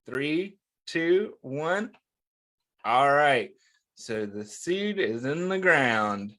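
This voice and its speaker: Leading a children's read-aloud, this man sounds fairly high-pitched, expressive and fairly bright, though the recording quality is low. He encourages the young audience, putting questions to them and waiting for replies.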